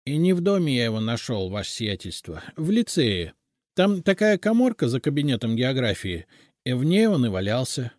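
Man voicing a timid little male house spirit, higher and lilting, deferential, audiobook. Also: very animated, moderate pace, darkish tone, no room sound, studio quality, natural voice. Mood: earnest. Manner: mumbling, deferential. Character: small humble male house spirit, shy and eager.

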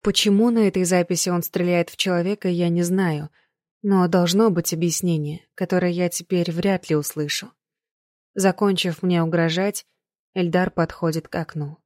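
Женщина-чтец с низковатым голосом. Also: female voice, lowish voice, steady tone, normal speed, darkish tone, no room sound, studio quality. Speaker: audiobook reader. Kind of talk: scripted narration.

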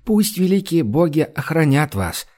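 Guy doing a kind old-world trader, earnest and a bit softer, fantasy audiobook. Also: a little high, sing-song, unhurried, pitched above the performer's own voice. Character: kindly, pious older male merchant.

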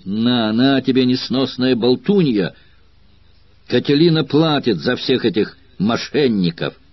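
A man voicing a furious, brawling gladiator who shouts in a rough, hoarse growl. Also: mid-range voice, a little slow, dry recording, dull audio, close to an everyday voice. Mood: scornful.

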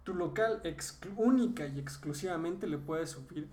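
Mexican male podcast co-host, chatty and explanatory, animated pitch jumps, echoey room. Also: normal speed, distant mic. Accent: Mexican Spanish. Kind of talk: casual chat. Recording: echoey room, faint ambient noise.

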